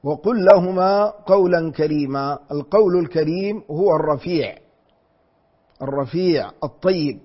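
A man teaching Quran exegesis in a deliberate lecture, repeating phrases and reciting verses slowly. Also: on the high side, husky. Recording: dull lo-fi recording.

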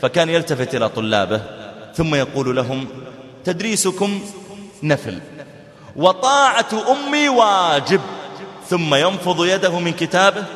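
A man's voice: high-pitched, a bit bright. A man preaching a sermon, telling stories and acting out the dialogue dramatically with big swings in his voice. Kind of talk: sermon storytelling. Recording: echoey hall.

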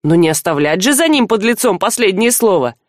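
Lively woman narrating an audiobook. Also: mid-range voice, brisk, dry recording, clean studio sound.

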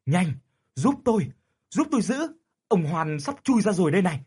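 A man voicing an older man who shouts urgent commands in a crisis. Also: sits high, big pitch swings, normal speed, breathy edge, voice pushed up, full character voice. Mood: shouting urgently. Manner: barking orders, shouting.

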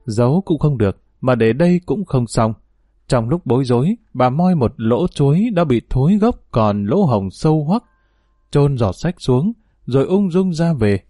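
A man reading a dramatic story aloud as a storyteller, in a steady narrating manner. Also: medium pitch, moderate pace, no echo, clean studio sound.

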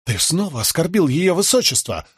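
A man's voice: on the high side, big pitch swings, moderate pace, slightly rough, no echo, voice pushed up. Wry veteran con woman, teasing mentor, dry raised voice, read by a male narrator. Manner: wry, instructive.

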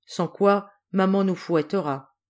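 A woman reading an audiobook who voices a group of frightened, fawning children in a high, pleading tone. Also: steady tone, a little slow, lightly acted. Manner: high-pitched, pleading chorus.

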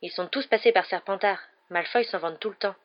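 A woman's voice: mid-range voice, brisk, muffled recording, close to an everyday voice. Woman doing a serious schoolboy. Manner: quiet and serious.

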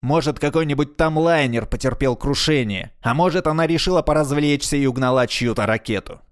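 A man's voice: on the high side, a little fast, clean tone, no echo, close to an everyday voice. A reckless young spaceman who talks with brash, defiant confidence, as a narrator puts him on. The voice is dry and close, with no room around it. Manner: bold, defiant.

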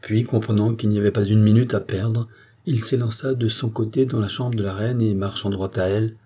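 A man reading a classic novel aloud in a measured, literary narration. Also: lowish voice, steady tone, dark tone, breathy edge. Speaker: audiobook narrator. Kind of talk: scripted narration.

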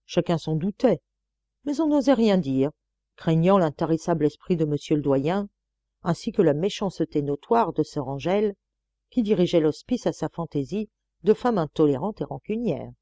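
Une lectrice de livre audio à la voix douce et feutrée, assez grave, qui raconte un roman avec des intonations très vivantes. Le son est proche et sec, sans réverbération. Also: female voice, deep voice, expressive, normal speed, mellow, dry recording. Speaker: audiobook reader. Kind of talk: scripted narration of a novel.

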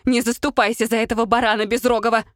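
A woman's voice: fairly high pitch, flat delivery, fast talker, no echo, clean studio sound, voice pushed up, natural voice. A woman voicing a strict middle-aged mother, a teacher, who scolds sharply in a raised voice. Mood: scolding.

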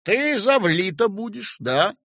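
A man voicing a curt, excitable male writer who brushes off every worry. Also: high-pitched, takes it slowly, no echo, clean studio sound, voice pushed up, heavily acted. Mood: brash. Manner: curt, dismissive, brash. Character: gruff excitable male writer, loud and boastful.

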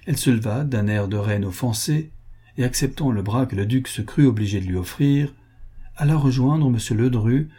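A male audiobook narrator reading a classic novel. His voice is mellow and dark, with a husky grain, at a middle pitch. He reads in a measured, even way.

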